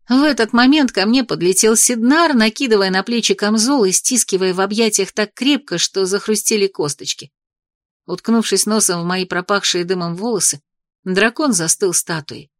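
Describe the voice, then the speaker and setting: A woman reads a fantasy tale in the first person, lively and expressive in her telling, at a middle pitch. The recording is close and dry, with no room sound around her voice. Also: dry recording. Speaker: audiobook narrator.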